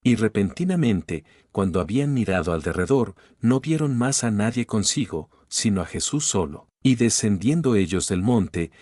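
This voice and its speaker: A man reading scripture aloud in a measured, even recitation. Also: fairly low pitch, no room sound, clean studio sound. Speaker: Bible reader.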